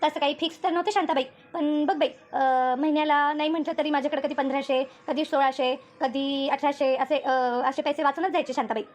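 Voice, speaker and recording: A woman voicing a curious, touchy village friend in a cartoon who chats quickly. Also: high voice, fairly even intonation, lightly acted. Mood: chatty.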